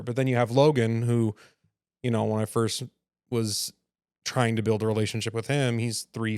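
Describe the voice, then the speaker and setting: A man in his thirties chats easily as a podcast guest, dropping dry jokes. His voice has a gravelly fry to it, recorded close and dry with no room sound. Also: mid-range voice, a little mellow, no echo. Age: 30s. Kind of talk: casual podcast chat.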